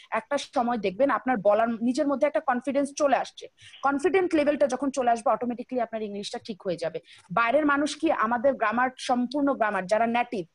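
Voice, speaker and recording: A young woman leads an online class over a video call. She talks fast and chattily in a slightly high voice, speaking straight to her students. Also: no room sound. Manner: chatty, colloquial, rapid, addresses students directly. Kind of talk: casual online class lecture.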